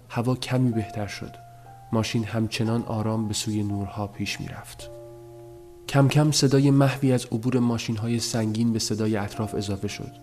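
A man narrating a story as an audiobook, in a measured, subdued telling. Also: medium pitch, darkish tone.

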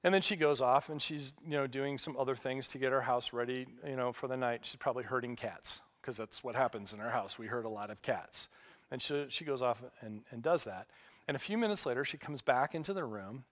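A man's voice: mid-range voice, a little fast, fairly bright tone. Middle-aged guy preaching, laid back and joking about himself, just talking to the congregation. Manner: conversational, self-deprecating storytelling. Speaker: pastor. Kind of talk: sermon.

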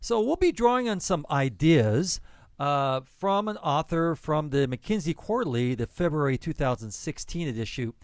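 Lively man co-hosting a chatty podcast. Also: on the high side, dry recording, studio quality. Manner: lively, quick to laugh. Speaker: podcast co-host. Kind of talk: casual chat.

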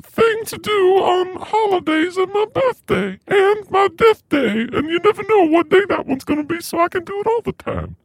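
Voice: animated, moderate pace, vocal fry, hardly any pauses, full character voice, poor audio. Chipmunky formant-shifted gross old Mama. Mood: unbothered. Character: shameless, gross, scheming old mother. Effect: formant shifted, pitched-up chipmunk voice. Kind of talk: improvised comedy sketch.

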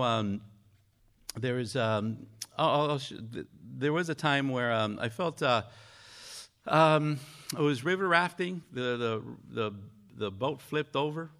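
A man from Mexico giving a conversational church sermon, earnest and halting as he speaks. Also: medium pitch, a bit bright. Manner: earnest, halting with frequent fillers. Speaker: pastor.

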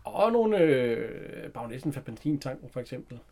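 A man's voice: medium pitch, sing-song, warm tone. A man co-hosting a casual chat, retelling an old film, hesitant and laughing often. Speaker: podcast co-host.

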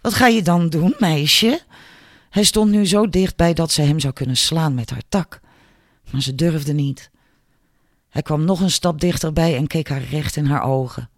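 A man narrating an audiobook in a measured storytelling way. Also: on the high side, no room sound, studio quality. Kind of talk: scripted narration.

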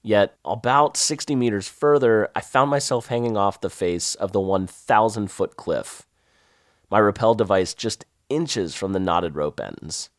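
A man with a Southern accent narrating his own adventure in a wry, lively first-person storytelling manner. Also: fairly low pitch, a little slow, dry recording, studio quality.

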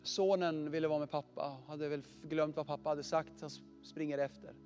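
High-voiced man preaching over soft music. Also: flat delivery. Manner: earnest, often dropping to a hushed, heavy voice. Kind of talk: storytelling sermon.

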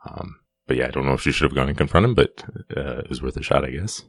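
A man's voice: extremely low pitch, fast. A man co-hosting a casual podcast, thinking aloud and hedging as he discusses a TV show. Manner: hesitant, unsure, thinking aloud. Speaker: podcast co-host.

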